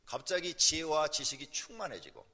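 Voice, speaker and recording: A man's voice: on the high side, big pitch swings, normal speed, sharp tone, slightly rough, long reverb tail. A male pastor preaching a sermon, telling a story and acting out the dialogue of its characters.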